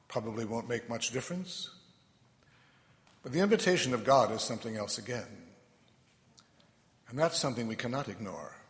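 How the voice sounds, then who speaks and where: Reflective male preacher in an echoing church. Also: mid-range voice. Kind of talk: reflective homily. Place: large reverberant church. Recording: long echoing church reverb.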